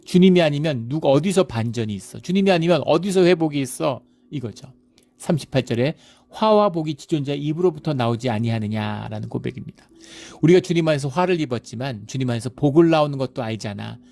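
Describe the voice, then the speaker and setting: Gravelly man preaching a sermon. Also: a little high, animated, fairly quick, a little mellow. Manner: conversational preaching, frequent "ye" fillers, acts out scolding voices. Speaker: pastor.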